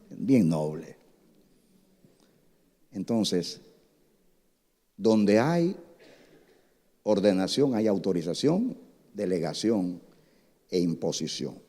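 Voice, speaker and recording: A man preaching a sermon as pastor, telling stories with lively acted-out dialogue. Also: fairly low pitch. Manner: animated storytelling, acts out voices in dialogue. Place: church sanctuary. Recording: hall reverb.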